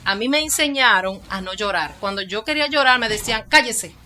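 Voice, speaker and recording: A woman's voice: medium pitch, lively intonation, fast talker, sharp tone. A woman with a Dominican accent, a pastor and psychologist, giving her testimony in an interview and acting out the dialogue she quotes. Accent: Dominican Spanish. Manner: storytelling that acts out quoted dialogue.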